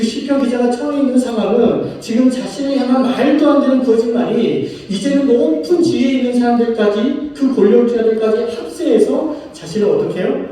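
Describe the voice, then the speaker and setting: A man's voice: very high-pitched, mellow, a little hiss or hum. A man preaching a sermon, telling a personal childhood story and asking the congregation questions. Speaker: pastor. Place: church sanctuary. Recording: roomy hall, from far off.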